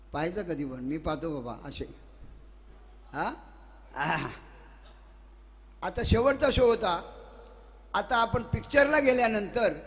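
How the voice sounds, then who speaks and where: A man preaching a devotional sermon to a live audience. He tells stories, asks the listeners questions and chants verses slowly. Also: fairly high pitch. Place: gathering hall with a live audience. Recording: long reverb of a hall.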